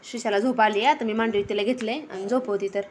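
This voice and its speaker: The recording is very noisy, but her slightly high, steady voice comes through as she talks fast. A young mother vlogging in the garden, she chats casually and every so often reprimands her kids.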